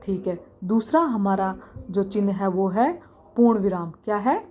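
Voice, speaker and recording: A young woman teaching a casual grammar lesson, often repeating examples slowly and asking herself questions as she explains. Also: medium pitch, lively intonation, a little mellow.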